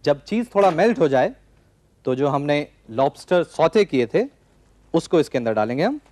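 A man in his forties hosting a TV cooking show, calmly explaining a recipe step by step from a studio kitchen set. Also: fairly high pitch, normal speed, dry recording. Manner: calm step-by-step instructing. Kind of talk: cooking demonstration.

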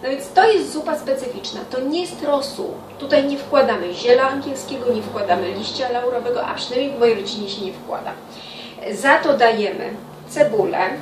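Here a home cooking host, a middle-aged woman with a slightly high voice, explains a recipe to the camera casually, stopping and pausing partway through sentences. The setting is a small indoor kitchen beside a window. Because the camera rests on the counter a step back, the sound is distant and echoey, with loud kitchen noise.

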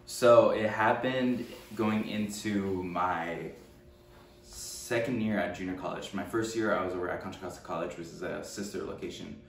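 Interviewed for a documentary while seated at home, a man in his twenties from Richmond, California, answers haltingly with frequent fillers and restarts. His gravelly, low-pitched voice holds a fairly even intonation at normal speed. Recorded on a distant camera mic, the audio has roomy echo and faint hum.

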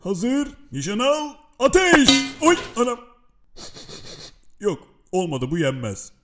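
A man's voice: sits high, wildly swooping pitch, takes it slowly, heavily acted. A man dubbing a grumpy, easily startled pet in a comic video, grumbling and throwing crude insults. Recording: music behind.

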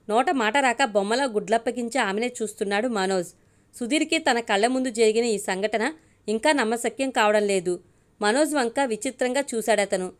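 A woman storyteller narrating a scripted audio story in a steady, expressive reading. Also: fairly high pitch.

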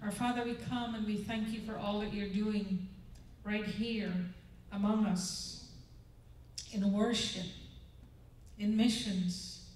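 A woman's voice: medium pitch, steady tone, slow pace, darkish tone, far from the mic, slight background noise. An older woman giving a chapel devotional and prayer into a handheld microphone on a large church auditorium stage, talking in an earnest, conversational way that keeps checking in with the audience. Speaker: chapel speaker. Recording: echoey hall, mic heard from afar.

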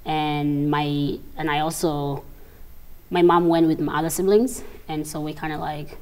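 A young actress from South Sudan, talking in a casual studio interview and telling her story with quick laughs and acted-out quotes. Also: low voice, steady tone, darkish tone. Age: young adult. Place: TV studio set, seated on a sofa.

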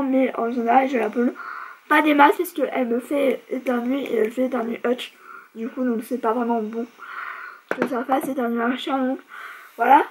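Chatty high-voiced woman, husky. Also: rough recording. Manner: chatty, self-mocking, full of fillers. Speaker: beauty vlogger. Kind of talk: casual product review chat.

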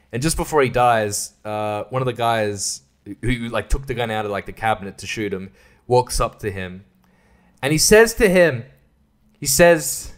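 A man hosting a podcast, giving a casual spoken film review. He rambles, swears, laughs often and jumps up in pitch for emphasis. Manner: rambling, profane, laughs often, many fillers. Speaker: podcast host reviewing films.

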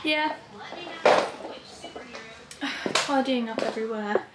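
A young woman with a high, bright voice talks through her day in a chatty, upbeat way, her words a little lispy from braces. She records into a handheld camera, and loud background noise runs under everything she says. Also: very slow. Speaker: vlogger. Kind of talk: casual vlog chat.

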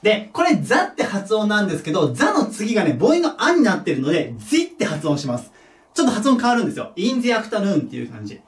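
Guy teaching english at a board, high lively voice, patient, bit far off the mic. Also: fast. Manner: patient, step-by-step, checks in with "right?"; self-deprecating about his own mistake. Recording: echoey room, voice from off the mic.

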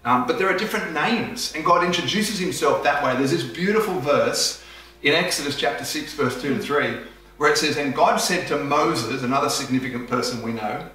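Bright-voiced preaching man, echoey. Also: on the high side, brisk. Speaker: pastor. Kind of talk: sermon. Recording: echoey room, voice from far off.

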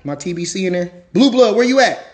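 Brash high-voiced man ranting hyped. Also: lively intonation, fairly quick. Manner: loud, brash trash talk, shouting at times. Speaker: former boxer. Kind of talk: hyped livestream rant.

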